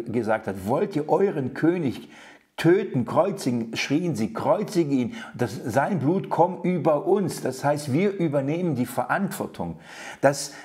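A man with a medium-pitched, slightly mellow voice delivers an earnest, sermon-style Bible teaching. He speaks emphatically, restarting often and using fillers, and puts questions directly to his listeners.

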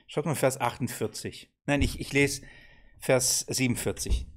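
A man leads an interactive Bible seminar. He keeps asking his listeners questions and acts out the lines he quotes. His pitch sits in the middle for a man. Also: steady tone, moderate pace. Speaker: seminar teacher.

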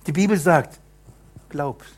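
A man preaching a sermon to a congregation. He speaks fervently, repeats phrases for emphasis, addresses his listeners directly, and swings between loud emphatic bursts and quiet low asides. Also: slow.

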